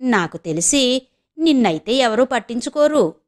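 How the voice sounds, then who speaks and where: A sly, scheming old mother, voiced by a woman narrator in an audio novel. She drags out her words in a slow, insinuating drawl, her voice sitting fairly high. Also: lively intonation, close to an everyday voice. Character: scheming elderly village mother, sly and blunt.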